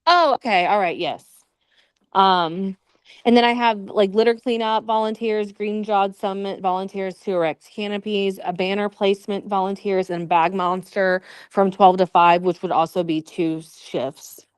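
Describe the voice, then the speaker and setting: A woman's voice: mid-range voice, steady tone, moderate pace, clean tone, no echo. A woman giving an informal update as a volunteer coordinator at a meeting, tentative and thinking aloud as she goes.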